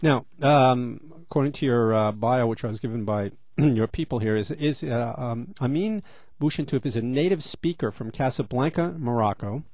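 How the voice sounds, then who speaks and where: A man's voice: mid-range voice, moderate pace, a little mellow, no echo. A middle-aged man hosting a radio interview, chatty and rambling with many fillers. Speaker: radio host.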